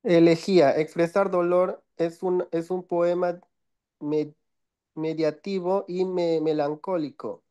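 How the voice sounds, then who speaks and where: A man's voice: sits high, flat delivery, warm tone, smooth. A male student reading his notes aloud, stumbling and correcting himself, heard over his phone. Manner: halting, stumbling, self-correcting.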